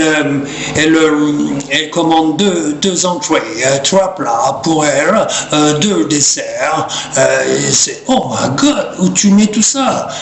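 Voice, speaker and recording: Male comic monologuist, American accent in French, slightly high voice, halting and mixing in English, roomy sound. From United States. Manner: hesitant French mixed with English, refers to himself in third person. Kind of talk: humorous rambling monologue to camera. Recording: roomy echo, clear background noise.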